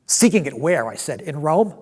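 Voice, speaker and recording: Man acting a husky, passionate zealot disciple. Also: on the high side, big pitch swings. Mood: indignant. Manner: halting, emphatic delivery with repeated words and swells. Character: passionate male zealot disciple, restless man of action, recalling Jesus. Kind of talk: dramatic monologue, first-person storytelling.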